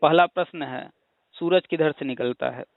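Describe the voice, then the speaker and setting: A fairly high-voiced man lectures patiently, building his points with rhetorical questions and homely examples. The sound is thin and phone-like, and very dry. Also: normal speed, gravelly, no echo. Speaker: teacher hosting a call-in discussion. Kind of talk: casual explanatory phone chat. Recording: tinny phone line.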